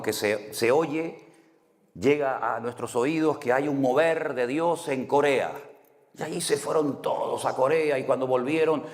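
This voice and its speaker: A man from Spain with a Canary Islands accent, a pastor giving a conversational sermon full of anecdotes and asking the congregation "right?" often. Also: medium pitch. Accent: Canary Islands Spanish. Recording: long hall reverb.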